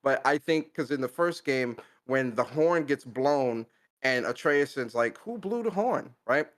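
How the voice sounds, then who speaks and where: Excitable man hyping a game. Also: mid-range voice, unhurried. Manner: excitable, hyped, laughs often, repeats words. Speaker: podcast co-host. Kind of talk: casual podcast chat.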